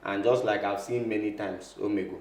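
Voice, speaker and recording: A Nigerian man with an Igbo accent speaks in a fairly low voice, explaining conversationally as an interview guest. He moves back and forth between Igbo and English. The room adds a noticeable echo. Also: fairly even intonation, a little fast, darkish tone. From south-eastern Nigeria. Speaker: interview guest, real estate lawyer. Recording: echoey room.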